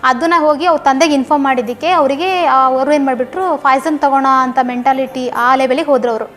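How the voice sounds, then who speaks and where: A woman's voice: high voice, fairly even intonation, fairly bright tone. A young woman giving a personal testimony in an interview, telling her story earnestly and repeating herself for emphasis. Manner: fast, earnest storytelling with repetitions.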